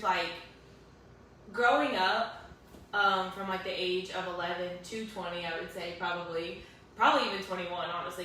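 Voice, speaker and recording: A woman's voice: lowish voice, pushed and bright. A young woman, telling a painful personal story in an earnest, emotional way with many fillers. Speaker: guest sharing her story. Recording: echoey room, distant mic, faint hiss.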